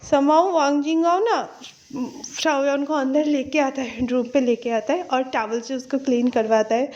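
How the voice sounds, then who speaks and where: A woman's voice: high-pitched, steady tone, normal speed, a little mellow, a little hiss or hum. A woman retelling a fan story in a chatty, casual way, full of fillers and English words. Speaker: fanfiction narrator. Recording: dull lo-fi recording.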